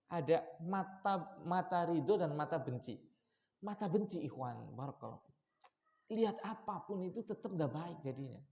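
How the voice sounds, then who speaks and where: A man preaching at a mosque study session, asking his listeners questions and shifting between raised warnings and quiet asides. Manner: lively, shifts from loud warnings to low asides, asks the audience questions. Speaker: Islamic preacher.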